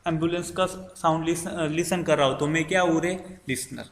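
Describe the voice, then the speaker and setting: A man's voice: fairly high pitch, fairly even intonation, normal speed. A male physics teacher talks through a syllabus overview, asking questions and answering them himself and repeating key terms with many fillers. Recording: echoey room with long reverb.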